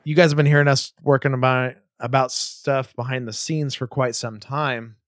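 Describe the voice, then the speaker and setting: A man's voice: mid-range voice, steady tone, normal speed, a bit bright, dry recording, studio quality. A man co-hosting a casual podcast, chatting in an easygoing, joking way. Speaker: podcast co-host.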